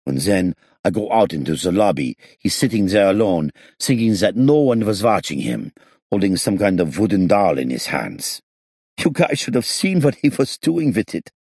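A man's voice: low voice, big pitch swings, moderate pace, darkish tone, slightly rough, no room sound, studio quality, pitched above the performer's own voice, exaggerated voice. A man reading an audiobook, voicing a smug, self-pitying middle-aged male criminal in a raised, whining voice.

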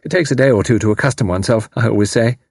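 A man voicing a chatty middle-aged Englishwoman with a crisp, twittering, compelling way of talking. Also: mid-range voice, very fast, no echo, studio quality.

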